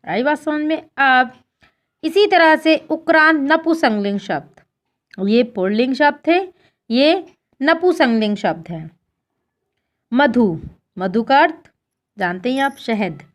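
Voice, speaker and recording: A woman teaching a school Sanskrit lesson in speech, slowly reciting word forms and patiently addressing her pupils as children. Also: high-pitched. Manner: slow, deliberate recitation of declensions.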